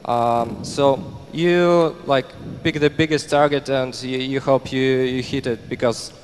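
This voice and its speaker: A man's voice: mid-range voice, fairly even intonation, measured pace. A young man from Russia speaking on a conference panel, with many repeated words and restarts. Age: young adult. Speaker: panelist, entrepreneur. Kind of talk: panel discussion. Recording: echoey hall, faint background noise.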